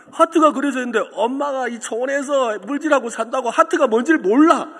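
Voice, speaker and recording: A pastor with a very high-pitched, slightly rough voice preaches a sermon in a church sanctuary, where the echoey hall leaves a long reverb. He tells a story and poses questions to the congregation.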